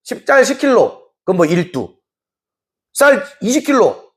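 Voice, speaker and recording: A man teaching a Korean history class in a lively way, now and then acting out short scenes in put-on voices. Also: high-pitched, measured pace. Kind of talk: classroom lecture.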